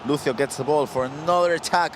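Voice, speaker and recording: A man commentating live on an esports football match, talking fast and getting excited as the play builds. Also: on the high side, background noise. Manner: excitable, rises to shouts at big moments.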